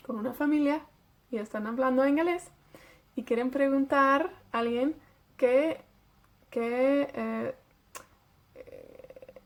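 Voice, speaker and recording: Welsh woman teaching slowly, high voice. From Wales. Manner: slow, repeats phrases for learners to echo. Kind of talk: language lesson for beginners.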